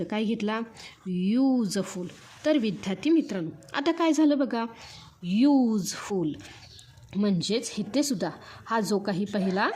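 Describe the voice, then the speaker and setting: A woman's voice: medium pitch, a little hiss or hum. A woman with a Marathi accent teaching a grammar lesson, drilling each point with repeated rhetorical questions. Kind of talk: classroom grammar lecture.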